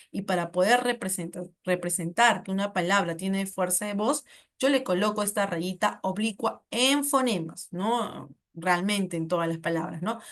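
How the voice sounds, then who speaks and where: A woman with a Peruvian Spanish accent explains exam answers as a teacher, patiently, with frequent tag questions and self-corrections. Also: medium pitch.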